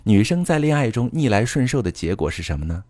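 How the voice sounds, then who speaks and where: A man with a low, darkish voice delivers a relationship advice monologue, earnestly instructing his listeners and addressing them directly. His pitch swings widely and his pace is quick. The recording is close and dry.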